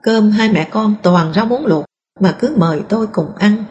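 Woman calmly reading a memoir. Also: medium pitch, normal speed, muffled recording. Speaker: narrator.

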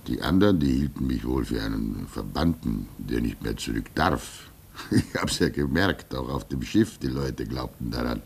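In a German radio play, an older man with a bass voice plays a gentle, resigned old hermit who is fatherly and reflective. His halting delivery swings between emphasis and hush, and the expressive, exaggerated voice carries a creaky, breathy edge.

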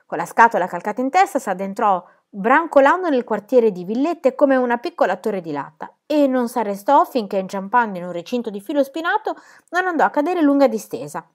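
A woman reading a children's book aloud with expressive storytelling. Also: a little high, brisk, hardly any pauses. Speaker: reader.

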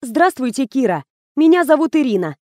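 Stern woman investigator, read by a woman, curt and commanding, raised pitch, audiobook. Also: big pitch swings, moderate pace, darkish tone, no echo, clean studio sound.

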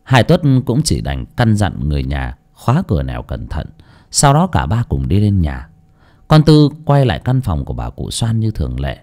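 A man narrating a ghost story in a steady storytelling voice. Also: a bass voice, normal speed.

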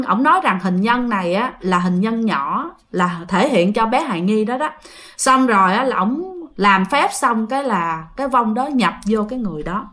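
A lively woman narrating a spooky tale to her audience. Her voice sits high and swings widely, with a bright, forceful tone as she acts out each voice. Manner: animated, addresses listeners directly, acts out voices. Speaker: storyteller. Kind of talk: spoken ghost-story telling.

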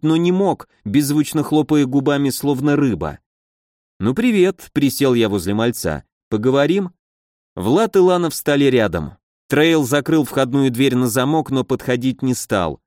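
Male audiobook narrator, mid-pitched, even steady read, dry close mic. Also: normal speed, no room sound. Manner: even storytelling, voices characters. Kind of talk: first-person fantasy audiobook narration.

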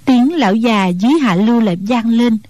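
A woman's voice: a little high, brisk, dry recording. Woman reading a martial-arts audiobook. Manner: steady storytelling. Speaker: narrator.

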